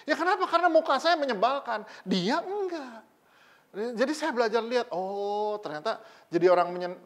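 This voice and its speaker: A male pastor preaching a sermon in an animated, conversational way, full of rhetorical questions. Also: high voice. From Indonesia.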